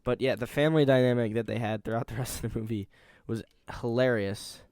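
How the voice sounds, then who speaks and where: A man with a smooth, resonant voice chatting casually as a podcast co-host. He rambles and leans on fillers. The sound is dry and close, with no room echo. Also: medium pitch, a little fast. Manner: rambling, filler-heavy, animated. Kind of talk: casual movie review chat.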